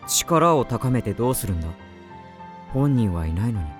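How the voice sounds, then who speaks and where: A woman voicing a gruff, blunt young male demon who has been wounded, in a voice drama. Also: extremely low pitch, very animated, normal speed, over music. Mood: guarded. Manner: blunt, rough-spoken. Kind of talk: voice drama acting.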